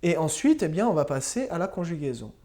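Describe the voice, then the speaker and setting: Patient schoolteacher, a woman, spelling words out slowly for children; low, mellow and animated. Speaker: primary school teacher. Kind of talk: recorded remote spelling and grammar lesson.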